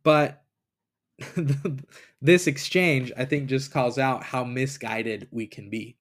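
A man's voice: medium pitch, takes it slowly. A man hosting a podcast, thinking aloud in a casual, reflective monologue and retelling scripture in everyday words, recorded on a computer mic. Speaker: podcast host. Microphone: computer mic, recording in a browser app.

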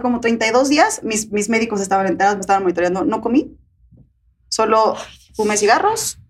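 Fast-talking blunt Mexican woman. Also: mid-range voice. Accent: Mexican Spanish. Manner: blunt, animated storyteller with slang. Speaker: podcast guest. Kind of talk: casual chat.

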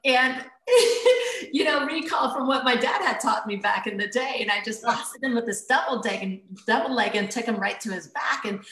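Laughing animated woman in an echoey room. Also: a little high, normal speed. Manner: animated, laughs often, acts out quotes. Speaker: guest. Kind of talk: casual storytelling interview.

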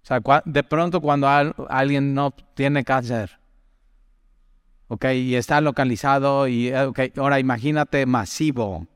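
Smooth-voiced man teaching the Bible. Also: mid-range voice, measured pace, dry recording, clean studio sound, in a large hall. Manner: chatty, asks the listener direct questions, tells personal stories.

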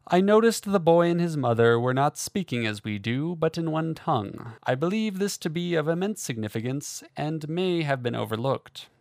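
A man's voice: fairly high pitch, expressive, moderate pace, gravelly, few pauses, a little mellow, no echo, studio quality, pitched above the performer's own voice. A man voicing a courtly male fay who speaks in a formal, precise way. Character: courtly, self-pleased male fay with a cane.

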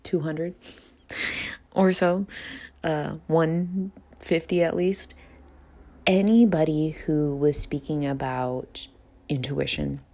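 A woman's voice: low-pitched, takes it slowly, long pauses, mellow. A woman hosting a solo self-help podcast, speaking earnestly and reflectively, often rephrasing and repeating herself for emphasis. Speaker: podcast host and coach.

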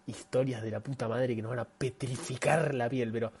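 A man's voice: mid-range voice, fairly even intonation, fairly quick, darkish tone, husky. A man co-hosting a casual podcast with friends, speaking, joking and laughing often. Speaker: podcast co-host. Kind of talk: casual banter among friends.

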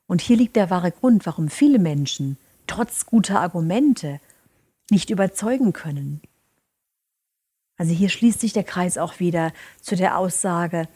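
A woman giving a calm, didactic talk to her listeners, often dropping into soft breathy stretches. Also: fairly low pitch. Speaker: speaker on voice and rhetoric. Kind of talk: lecture-style talk to listeners.

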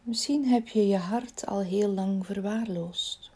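Woman, meditation guide, soothing and unhurried, soft near-whisper, breathy, warm dark tone. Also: medium pitch. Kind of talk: guided body-scan relaxation.

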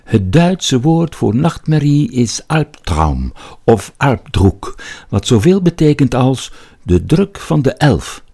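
A man with a Flemish accent voicing a high-voiced literature professor who lectures and declaims a quotation. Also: very animated, takes it slowly, vocal fry, warm tone, breathy edge, full character voice. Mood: lecturing.

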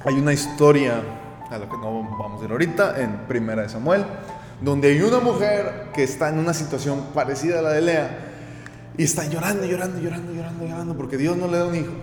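A man preaching a sermon, animated and often checking in with his listeners by asking "right?". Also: fairly high pitch, brisk, faint music behind. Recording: echoey hall with long reverb.

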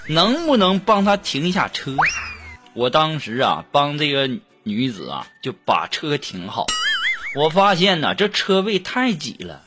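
A young man, hosting a comic monologue and chuckling through his punchlines. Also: a little high. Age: young adult. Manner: animated joke-telling, chuckling through punchlines. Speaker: host. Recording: voice over loud background music.

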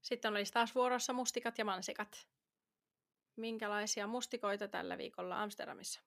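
A woman's voice: mid-range voice, steady tone, gravelly, fairly bright tone. A woman co-hosting a casual podcast, reacting with short affirmations and telling her own brief anecdotes. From Finland. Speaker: podcast co-host. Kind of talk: casual chat. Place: lives in London.

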